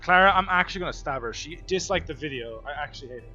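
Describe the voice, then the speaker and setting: A man gives casual let's-play commentary, pitched a bit higher than most men, teasing his viewers and breaking into laughter often. His mic sounds dull and lo-fi, and soft game music sits underneath. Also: expressive, fast talker. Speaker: gaming channel host.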